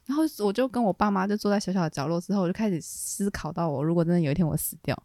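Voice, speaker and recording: Young woman podcast co-host, rapid casual storyteller, dry close sound. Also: lowish voice, no room sound. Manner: animated, laughs often, quick rambling restarts.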